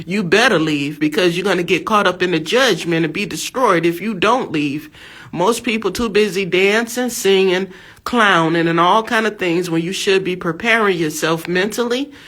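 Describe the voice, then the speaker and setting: With a lowish, slightly bright voice at a moderate pace, an American woman in her 50s gives a fervent preaching monologue of religious testimony. She exhorts emphatically and keeps repeating her phrases.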